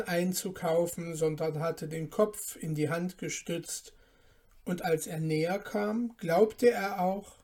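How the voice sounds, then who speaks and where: A woman reading a fairy tale aloud in a calm, measured storytelling manner. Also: on the low side. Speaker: narrator.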